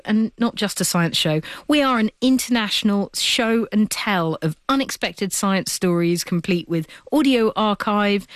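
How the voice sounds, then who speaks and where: A woman's voice: mid-range voice, no echo, clean studio sound. A woman hosting a radio science programme, moving between scripted presenting and panel chat. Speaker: science radio show host.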